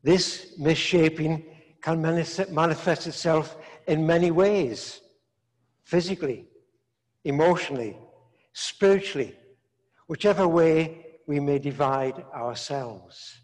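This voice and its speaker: An older man, a priest, preaching a sermon in slow, measured phrases with long pauses, recorded in a large stone church. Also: fairly high pitch, a little mellow. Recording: echoey church from a distance.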